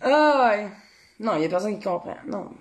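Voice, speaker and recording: A woman's voice: mid-range voice, animated, moderate pace. A Québécois woman hosting a cooking livestream, chatting casually and expressively, addressing viewers and reading their comments, with a casual swear now and then. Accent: Québécois French. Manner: talks straight to viewers, reads their comments. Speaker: cooking show host.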